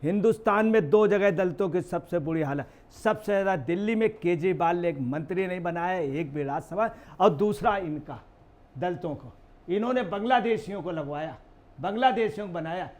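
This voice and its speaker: Man, high-pitched, heated political commentary, rhetorical questions. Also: lively intonation, moderate pace, darkish tone. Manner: emphatic, rhetorical questions, mocking impressions.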